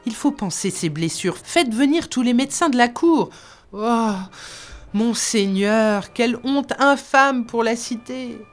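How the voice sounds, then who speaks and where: A fat old royal counselor who frets and squeals, pitching his cries high and loud over a faint music bed, as a woman acts him out. A man of words rather than deeds, always in a flutter. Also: lively intonation, unhurried. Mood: panicked. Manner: shrill, fretful exclamations. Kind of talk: audiobook character voice.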